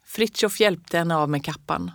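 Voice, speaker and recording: A woman reading a story aloud in a calm, measured way. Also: fairly low pitch, creaky, dry recording, studio quality. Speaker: audiobook reader. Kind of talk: scripted storybook narration.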